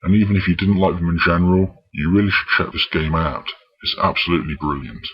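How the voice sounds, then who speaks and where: Man, game reviewer, extremely deep, rough-edged husky tone, scripted narration, dull recording. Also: quick pace. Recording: dull, muffled lo-fi voice track.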